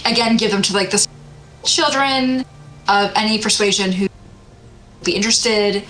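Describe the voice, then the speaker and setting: A woman's voice: mid-range voice, a little slow, a bit bright, a little hiss or hum, low-quality recording. A woman player chatting casually during a tabletop game, rambling with lots of fillers.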